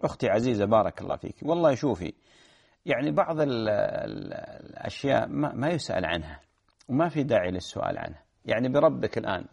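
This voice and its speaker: A man's voice: fairly low pitch, gravelly, darkish tone. A man, a religious scholar giving earnest advice in answer to listeners' questions. He repeats phrases and restarts words as he explains.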